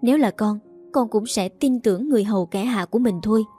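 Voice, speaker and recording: A woman voicing a headstrong, outspoken young daughter who talks quickly and heatedly. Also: a little high, mellow, slightly rough, soft background music. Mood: heated defiant.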